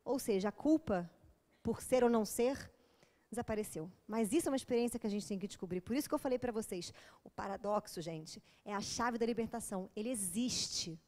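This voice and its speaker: A Brazilian woman lecturer who talks quickly, in a high and bright voice. She tells frank, animated stories and acts out bits of dialogue as she goes. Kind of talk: lecture with lively anecdotes.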